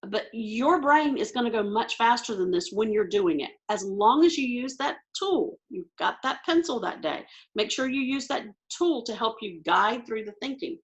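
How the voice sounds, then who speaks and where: A woman teacher with a fairly high voice talks through reading questions at a quick clip, thinking aloud as she goes. She sounds like she is on a video call. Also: animated, highs cut off. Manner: quick, self-talking teacher walking through answers aloud. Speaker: test prep teacher. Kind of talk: recorded online lesson.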